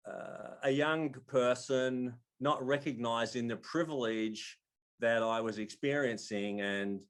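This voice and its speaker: A man's voice: medium pitch, slow, clean tone. Jovial Australian man in his sixties. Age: 60s. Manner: jovial, wry, self-deprecating. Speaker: storyteller at a community event. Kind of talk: personal storytelling on a video call. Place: home room indoors. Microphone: video call.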